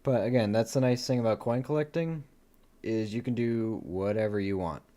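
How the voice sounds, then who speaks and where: A man hosting a live coin-hunting stream, quietly reading off dates and chatting easily between finds. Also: fairly low pitch, moderate pace. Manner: easygoing, laughs at his own dad jokes. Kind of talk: casual live-stream commentary.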